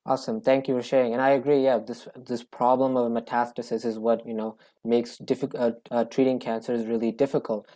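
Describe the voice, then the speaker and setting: A student podcast host with a mellow, warm tone reads a prepared introduction and then asks the guest scripted questions. The pitch sits in the middle of the range and the delivery is steady. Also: fairly quick, hardly any pauses. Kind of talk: podcast interviewing.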